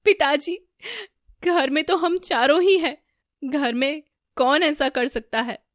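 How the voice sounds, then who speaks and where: Loud cartoon husband, voiced by a woman, dry, scolding. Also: sits high, takes it slowly, no room sound, voice pushed up. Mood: alarmed. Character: angry young husband, office worker.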